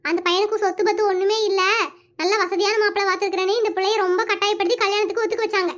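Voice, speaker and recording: A performer voicing a blunt, gossipy older village woman in an animated comedy, talking brusquely and scolding. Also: very high-pitched, very fast.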